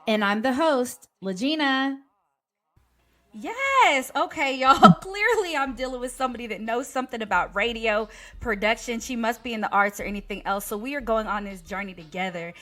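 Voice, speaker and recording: A woman's voice: fairly high pitch, expressive, moderate pace, sharp tone. A woman hosting a casual podcast interview, upbeat and swearing freely. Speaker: podcast host.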